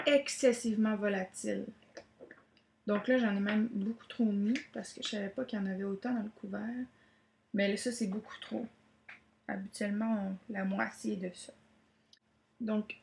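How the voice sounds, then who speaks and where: A woman's voice: medium pitch, vocal fry, darkish tone, roomy sound. A woman gives a chatty makeup tutorial, with many "donc, euh" fillers. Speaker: beauty vlogger.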